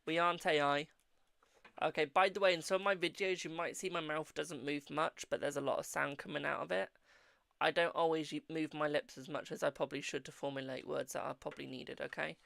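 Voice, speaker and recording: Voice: medium pitch, steady tone, a little fast, vocal fry, a bit bright, no room sound, clean studio sound. A British fortune teller chatting casually with viewers on a live stream and giving readings, addressing them as darling.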